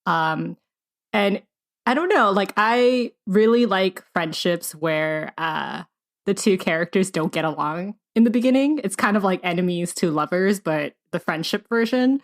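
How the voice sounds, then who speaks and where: A woman's voice: medium pitch, animated, unhurried. A woman hosting a book podcast, asking questions in a chatty way with many fillers and ready laughs. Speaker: podcast host. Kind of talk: casual interview chat.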